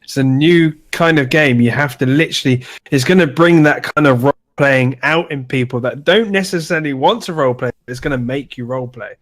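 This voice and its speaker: A man's voice: mid-range voice, fairly quick, hardly any pauses. A man joining a casual gaming podcast as a guest, agreeable and teasing, saying yeah a lot.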